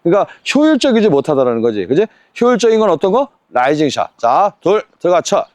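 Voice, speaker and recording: A man coaching a tennis lesson on court, counting drills and firing quick rhetorical questions at his student. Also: high voice, big pitch swings, a little hiss or hum.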